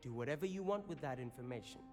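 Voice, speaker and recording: An actor playing an earnest, worried coffee shop owner in a video game who speaks hesitantly. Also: male voice, mid-range voice, lively intonation, fast, over music, natural voice.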